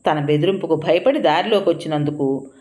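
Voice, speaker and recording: A woman narrating a comic story in a playful, lively way. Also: low voice, brisk.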